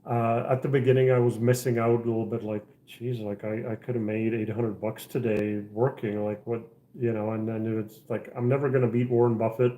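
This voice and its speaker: A man's voice: medium pitch, flat delivery, fairly quick, hardly any pauses, phone-quality sound. Rambling middle-aged man, echoey room. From Czech Republic. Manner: rambling, many fillers and restarts. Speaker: livestream host. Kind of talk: casual livestream chat. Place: house interior.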